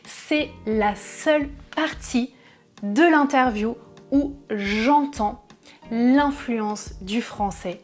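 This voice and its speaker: French woman teacher, fairly high voice, slow and careful explanations over light music. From France. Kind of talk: pronunciation lesson.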